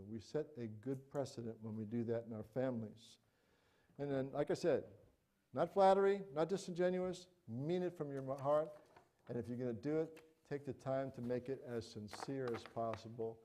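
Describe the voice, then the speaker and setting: A middle-aged man preaches with a mellow, warm voice of middling pitch. He talks conversationally and animatedly, acting out small everyday examples as he goes. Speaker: pastor. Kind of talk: sermon.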